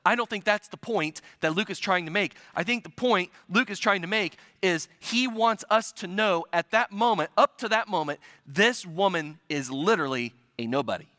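Bright-voiced, earnest male preacher. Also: sits high, moderate pace, hardly any pauses, no room sound, studio quality. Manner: earnest and emphatic, dropping to a hush for weight. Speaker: pastor. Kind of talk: sermon.

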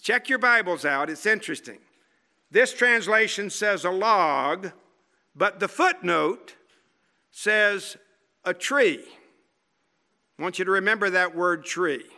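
A man preaching a sermon with dramatic storytelling and rhetorical questions, dropping to a quiet, slow voice for emphasis. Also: high voice.

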